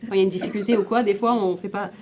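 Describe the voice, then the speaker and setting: A woman's voice: medium pitch, steady tone, rapid-fire, a little mellow. A woman teaching an informal class, explaining step by step, asking her students questions and often restarting and repeating words. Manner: mixes in Hebrew terms.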